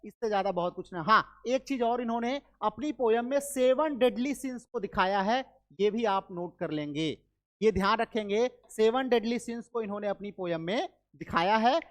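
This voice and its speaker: An Indian woman teaching an exam-prep literature lecture, mixing Hindi with English terms. Her voice sits a little high. She drills each fact over and over and keeps throwing quick questions at her students. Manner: drills facts by repetition and quick quiz questions.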